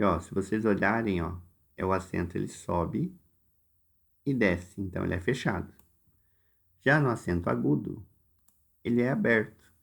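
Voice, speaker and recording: Man, Brazilian Portuguese accent, gravelly, teacher explaining a lesson, slow and instructive. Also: on the low side. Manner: slow, instructive, addresses students directly with step-by-step directions. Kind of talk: recorded lesson walking through workbook exercises.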